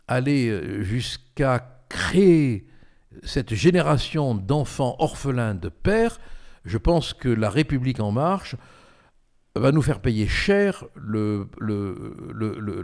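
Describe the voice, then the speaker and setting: A man's voice: mid-range voice, lively intonation, takes it slowly, a little mellow. An older man hosting a political talk show, speaking emphatically with many fillers and restarts. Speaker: host, political commentator.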